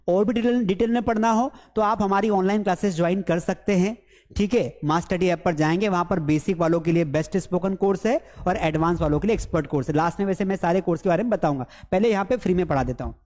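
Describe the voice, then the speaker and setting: An Indian man with a Hindi accent, teaching a live English class, drilling pronunciation again and again in a lively way. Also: sits high, in a large hall. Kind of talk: live online class lecture.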